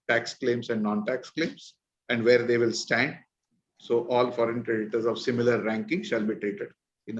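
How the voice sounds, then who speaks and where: A man's voice: medium pitch, a little hiss or hum. A man with a North Indian accent leading an online discussion, explaining points informally and checking in with listeners. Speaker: discussion leader, presenter. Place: virtual meeting call. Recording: dull, lo-fi online call.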